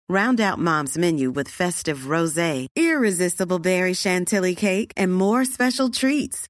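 A woman's voice: on the low side, no room sound. Polished woman ad announcer, dry studio. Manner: smooth, upbeat, polished. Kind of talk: scripted ad read.

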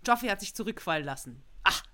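A woman, co-hosting a casual podcast and telling an animated anecdote full of slang and swearing. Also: mid-range voice, fast talker. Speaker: podcast co-host.

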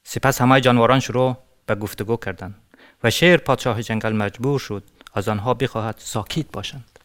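Afghan-born male storyteller, measured narration. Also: medium pitch, fairly bright tone. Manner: measured, occasional restarts. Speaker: storyteller and actor.

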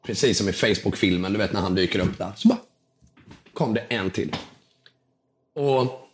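A young man with a slightly hoarse voice, telling an animated story as a podcast guest and acting out the people in it. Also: a little hiss or hum. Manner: lively storytelling, acts out quotes with big jumps in pitch.

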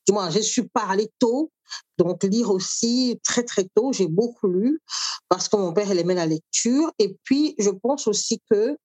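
A middle-aged woman from Cameroon speaks as an interview guest. Her voice sits at a mid pitch, and she talks thoughtfully, pausing often to find her words. The recording is dry and close. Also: lively intonation, darkish tone, no echo. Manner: thoughtful, with frequent pauses and fillers. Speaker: author and cook, interview guest. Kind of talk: conversational interview.

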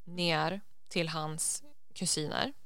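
A young adult woman co-hosting a podcast, chatting in a relaxed way and slipping English phrases into her story. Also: low-pitched, smooth, no room sound. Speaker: podcast co-host. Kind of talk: casual storytelling chat.

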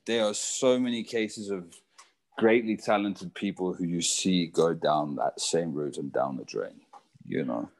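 A man's voice: deep voice, measured pace, vocal fry. A young man from Zimbabwe, a surfer, talking casually as an interview guest with lots of fillers and restarts.

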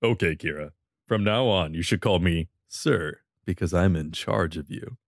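A man voicing a cocky young man who coaxes and flatters with slow, self-assured lines. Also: sits low, gravelly, no room sound, studio quality. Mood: smug.

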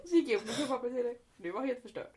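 A young woman chatting casually with her brother, laughing through her stories, swearing offhand and acting out shrill cries when she retells them. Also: animated, a little mellow. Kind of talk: casual chat.

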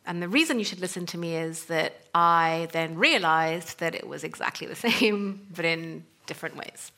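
Brief: woman from Sudan, author guest, lower pitch, gravelly edge, reflective delivery. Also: normal speed, pushed and bright. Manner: thoughtful, frequent um fillers. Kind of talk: conversational talk.

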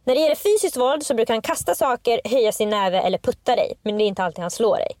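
A woman's voice: fairly high pitch, darkish tone, no echo, clean studio sound. A woman co-hosting a casual podcast, reading out passages from a book and commenting on them with emphasis. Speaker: podcast co-host.

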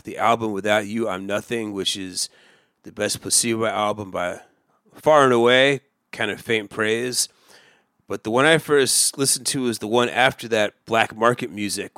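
A man's voice: lowish voice, fairly even intonation, normal speed, fairly bright tone, no room sound, clean studio sound. A man in his forties co-hosting a podcast, telling stories in a rambling, wry, self-mocking way. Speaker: podcast co-host. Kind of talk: casual chat.

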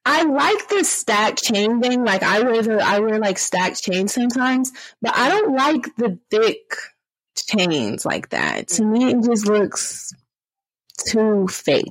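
A young woman chatting casually as a co-host, easygoing and agreeable. She talks slowly, with a lively, swinging pitch, and the recording is dry and close. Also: no room sound, rough recording. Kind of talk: casual chat.

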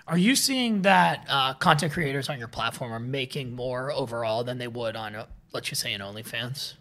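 A man's voice: medium pitch, expressive, normal speed, sharp tone. A man hosting a podcast, asking questions and musing at length, often restarting his phrases and repeating words. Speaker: podcast host. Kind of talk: interview questions and commentary.

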